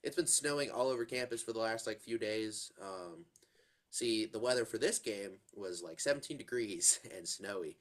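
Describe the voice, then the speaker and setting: A congested man co-hosts a casual college football podcast, his fairly low voice moving at a moderate pace. It's loose sports chat, and he rambles with plenty of fillers and restarts.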